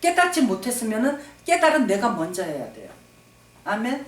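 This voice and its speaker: Very animated and speaking at a moderate pace, a woman pastor with a slightly high voice preaches her sermon emphatically, using repetition for stress and calling for amens. It's recorded in an echoey church sanctuary from a distant mic.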